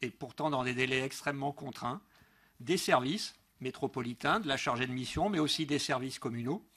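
In a large indoor council meeting room, a middle-aged local elected councillor gives a prepared, formal and emphatic political speech, sometimes tripping over his reading. He talks a little fast at medium pitch, with a sharp, husky tone, through a gooseneck desk microphone.

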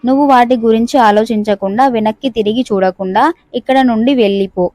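A woman voicing an old male graveyard keeper who gravely warns a young man away, in a storybook reading. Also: on the high side, a little fast, a little mellow, dry recording, studio quality, natural voice. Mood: warning.

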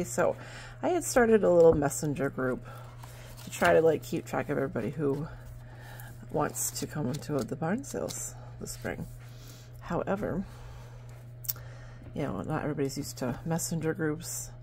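A low-pitched, mellow voice with vocal fry comes from a middle-aged woman from New Hampshire, USA, who vlogs and sells at barn sales. Seated indoors at a table at home, she talks casually and rambles with lots of fillers, recorded on a handheld phone with slight background noise.

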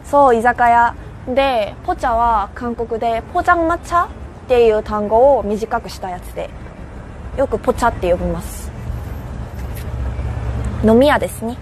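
A woman's voice: on the high side, normal speed, long pauses, a little hiss or hum. A young woman from Korea chatting casually in Japanese with a Korean accent that has a Kansai lilt, hosting a live stream on a city rooftop and answering viewers' comments. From South Korea. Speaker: livestream host.

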